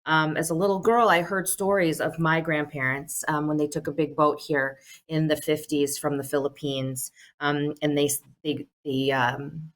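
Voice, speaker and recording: A woman's voice: deep voice, level tone, moderate pace, hardly any pauses. A middle-aged woman leading a social services agency, giving earnest prepared remarks at a telephone town hall with frequent "um"s. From United States. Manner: earnest, many "um" fillers.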